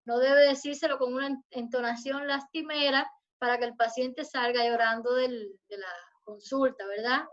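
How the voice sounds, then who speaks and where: A woman lecturer giving an online university class, explaining in a measured way and addressing her students formally. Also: high-pitched, fairly even intonation, lo-fi sound. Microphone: video call.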